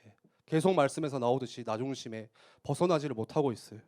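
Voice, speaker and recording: A man preaching a youth sermon in church, conversational, tossing out rhetorical questions and punctuating with quick affirmations. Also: medium pitch, darkish tone. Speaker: youth pastor.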